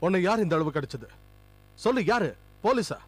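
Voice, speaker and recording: An actor playing a concerned hospital doctor who questions insistently, in a dubbed film. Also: male voice, high voice, sing-song, a little fast, husky, heavily acted. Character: concerned male hospital doctor, stern and protective.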